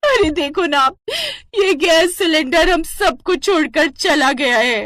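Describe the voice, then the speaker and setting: A woman's voice: a little high, moderate pace, fairly bright tone, dry recording, clean studio sound, lightly acted. A woman voicing a naive, dramatic young daughter-in-law in a cartoon story. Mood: wailing. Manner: pleading, melodramatic.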